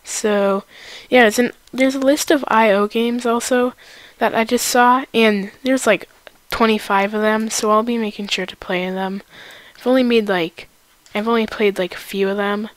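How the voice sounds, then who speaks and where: A woman's voice: on the high side, normal speed, no room sound, rough recording. Panicking woman gamer, dry close sound. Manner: panicking, excitable gamer, exclaiming in bursts. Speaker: gaming video host. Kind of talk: live gameplay commentary.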